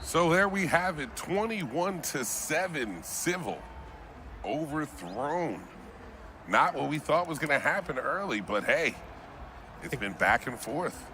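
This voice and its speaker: A man's voice: on the high side, lively intonation, moderate pace, sharp tone, slight background noise. A man giving casual live play-by-play of a video game tournament, with teasing banter. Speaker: esports commentator.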